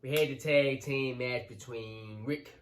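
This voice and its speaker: A man's voice: medium pitch, measured pace, slight background noise. Man, co-host, laid-back, repeats words, casual chat. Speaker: co-host of a wrestling reaction channel.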